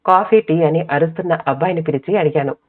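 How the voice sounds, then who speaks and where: A woman narrating an audiobook short story in a calm, measured reading voice. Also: low-pitched. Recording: tinny, phone-like sound.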